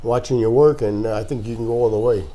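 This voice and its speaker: A man hosts a boxing podcast in a mellow, medium-pitched voice. He asks short questions and keeps his replies brief and encouraging. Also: fast. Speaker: boxing coach and podcast host. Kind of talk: podcast interview.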